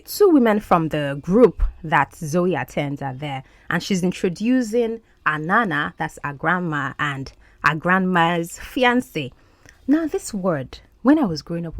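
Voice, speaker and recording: An English teacher with a lowish voice explains English words and idioms in a podcast lesson, going slowly and often checking in with "okay?". The recording has no room sound.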